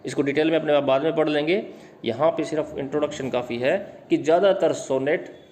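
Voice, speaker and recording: A man's voice: fairly high pitch, a little mellow, a little hiss or hum. Man teaching a literature lesson. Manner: reads English definitions slowly, then explains in Hindi with quiz questions to students. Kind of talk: classroom lesson explaining literary terms.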